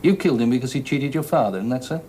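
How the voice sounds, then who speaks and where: This is a brusque police inspector in a TV crime drama, played by a man, and his voice rises and falls a great deal. He presses and needles the people he questions. Clear background noise runs under his lines. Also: mid-range voice, expressive, racing, dark tone, close to an everyday voice. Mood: probing. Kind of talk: British television drama acting.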